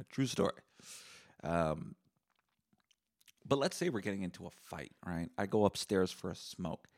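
A man hosting a solo podcast, telling rambling, profane stories in a deadpan way. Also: low-pitched. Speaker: podcast host.

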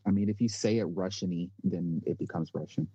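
A man's voice: low voice, fairly quick, dark tone, breathy edge, dry recording. A man co-hosting a casual chat, playful and chatty. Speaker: podcast co-host. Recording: dull lo-fi sound.

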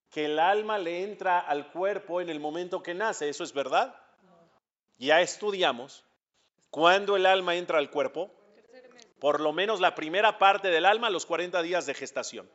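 Animated rabbi teaching a class. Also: male voice, high-pitched, normal speed. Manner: animated storyteller acting out dialogue, asks the audience questions. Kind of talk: religious lesson. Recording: dull lo-fi recording.

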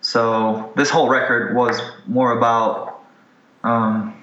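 Man from Ukraine, bright and roomy. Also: medium pitch, takes it slowly. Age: 20s. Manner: relaxed, candid, swears casually. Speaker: guest musician. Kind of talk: casual interview. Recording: dull, roomy recording.

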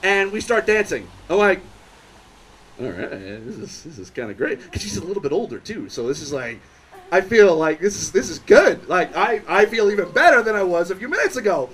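A man's voice: high voice, lively intonation, fairly quick, fairly bright tone, a little hiss or hum, low-quality recording. A young man doing stand-up storytelling at a live bar show, rambling and self-interrupting. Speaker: stand-up comedian.

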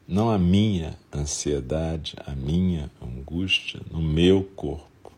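A man with a Brazilian accent leads a guided compassion meditation in a soft, soothing, gentle way, leaving long pauses, with a breathy, husky voice. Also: rumbling low. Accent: Brazilian Portuguese.

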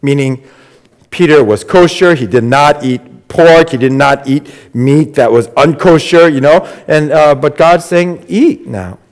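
A man preaching a sermon in a halting, conversational way, with many fillers and restarts, raising his voice when he quotes. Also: on the high side. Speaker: pastor. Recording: long hall reverb.

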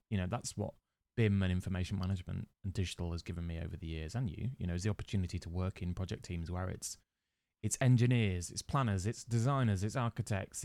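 A man's voice: fairly low pitch, vocal fry, a little mellow, dry recording. A man co-hosting a podcast in casual chat, talking playfully and cracking jokes between points. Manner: chatty, playful, interrupts with jokes. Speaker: podcast co-host.

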